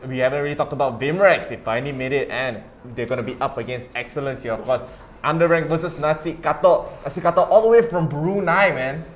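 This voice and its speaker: A man's voice: fairly high pitch, slight background noise. A man giving casual esports commentary in colloquial English sprinkled with "lah". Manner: colloquial, uses 'lah' particles. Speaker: esports tournament caster.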